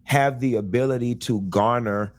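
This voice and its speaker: A man earnestly explaining his side of a public dispute, now and then breaking into animated exclaimed asides. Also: medium pitch, moderate pace. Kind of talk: clip of a personal video statement.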